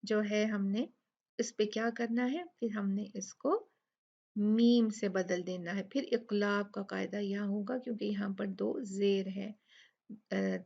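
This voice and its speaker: A woman teaching Quran recitation rules step by step, patiently explaining and slowly drilling each word. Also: mid-range voice, gravelly, muffled recording. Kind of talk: step-by-step tajweed lesson.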